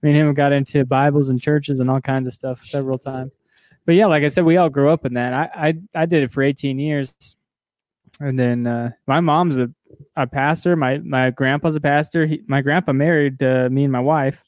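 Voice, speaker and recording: A man's voice: mid-range voice, fairly even intonation, normal speed, a little mellow, no room sound. A man hosting a podcast, talking in a casual, conversational style. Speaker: podcast host. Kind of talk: casual chat.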